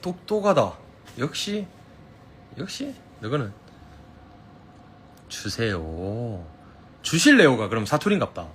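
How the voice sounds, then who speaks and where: A man's voice: mid-range voice, sing-song, unhurried, long pauses, a bit bright, a little hiss or hum. A man with a Gyeongsang Korean accent chatting casually on a live stream from his phone, reading viewers' comments, playful and teasing and laughing often.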